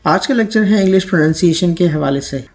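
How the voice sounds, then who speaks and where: A man teaching English pronunciation, speaking slowly and deliberately on the model words and example sentences. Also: high-pitched.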